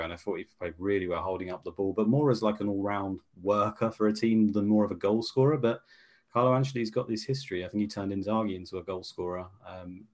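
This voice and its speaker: Co-host, man, low voice, rapid opinionated football chat. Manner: quick, opinionated, talks in long runs. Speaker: podcast co-host.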